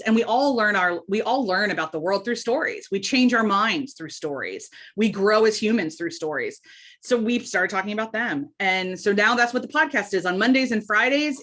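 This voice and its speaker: American woman, podcast guest, chatty, animated, quick asides. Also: mid-range voice. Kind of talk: casual podcast interview.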